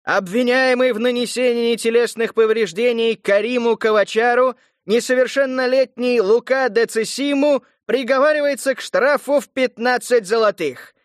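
A man doing a shrill booming court herald. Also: moderate pace, few pauses, no echo, clean studio sound. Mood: proclaiming. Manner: shrieking, booming proclamations.

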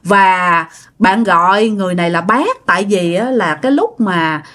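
A woman's voice: mid-range voice, animated, normal speed, a bit bright. A woman casually telling a ghost story to her listeners, chatty and full of fillers.

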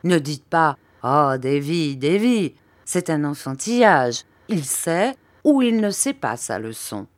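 A woman's voice: low voice, sing-song, takes it slowly, dry recording, heavily acted. A woman reading an audiobook aloud, voicing a cold, stern stepfather who speaks firmly and curtly. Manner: firm, curt, commanding.

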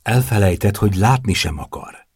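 A man's voice: lowish voice, animated, slightly rough, no room sound, clean studio sound. A man reading as a brooding, lovesick young man. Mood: irritable.

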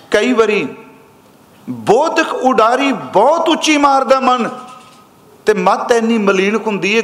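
A man preaching a sermon, explaining scripture and slowly chanting the verses he quotes. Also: high voice, fairly bright tone. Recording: echoey hall with long reverb.

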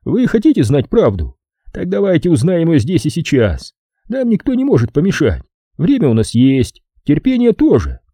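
A man reading an audiobook, voicing a cold, domineering male casino boss who speaks calmly and curtly. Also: a little high, moderate pace, husky, no echo, clean studio sound, pitched above the performer's own voice, heavily acted. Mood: menacing. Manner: calm, menacing and curt.

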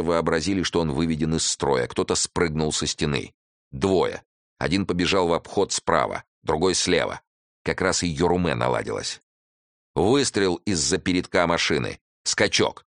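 A male audiobook narrator with an extremely deep, low voice, reading a detective story in a measured, terse and dramatic way. The recording is close and dry, with no room sound. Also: a bit bright, no echo. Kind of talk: scripted narration of a detective novel.

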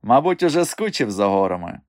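A man's voice: fairly low pitch, very animated, fairly quick, darkish tone, dry recording, clean studio sound. A man voicing a hearty, sly older village uncle with a folksy manner.

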